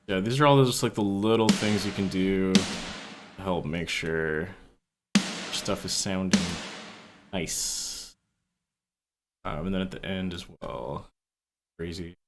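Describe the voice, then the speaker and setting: A man's voice: sits low, steady tone, slow pace, pauses often, loud music behind the voice. A young man chatting casually on a live stream while he works on a recording, reading chat aloud and swearing freely.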